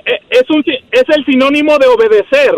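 A man calling into a radio show and recounting things in an earnest, measured way. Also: very high voice, no echo. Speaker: caller. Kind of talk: phone-in call. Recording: dull phone-in line.

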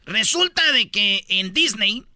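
A high-pitched Mexican man hosts a comedy radio show in a very bright voice. He jumps all over his range as he rambles through funny stories and trips over his own words. Faint music sits behind him. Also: expressive, takes it slowly. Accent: Mexican Spanish. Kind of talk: joking radio banter.

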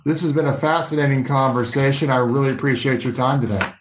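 A man hosts a casual podcast interview. His voice is medium in pitch and he talks conversationally. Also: fairly even intonation, fast, a little hiss or hum, rough recording. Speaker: podcast host.

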